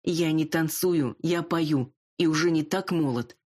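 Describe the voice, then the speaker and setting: A man's voice: on the high side, unhurried, a little mellow, pitched above the performer's own voice. A woman reading the part of a nervous aging male singer who is a fox, talking in pleading, reluctant confessions.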